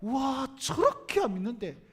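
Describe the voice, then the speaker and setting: A man's voice: very high voice, measured pace, husky. A middle-aged male pastor preaching a sermon, telling stories and acting out the voices in them. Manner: animated, acts out quoted voices with sudden loud bursts and quiet asides. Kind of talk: sermon with lively storytelling.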